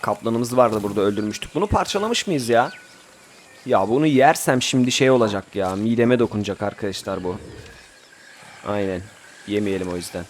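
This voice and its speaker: Casual survival-game commentary comes from a young man with a mid-range voice, who chats, gives his group orders, and lets out sudden outbursts. The recording has slight background noise.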